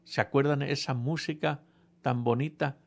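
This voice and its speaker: A man's voice: mid-range voice, fairly even intonation, moderate pace, vocal fry. A man preaching a sermon, telling a humorous personal story and speaking directly to the congregation. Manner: humorous storytelling, addresses audience.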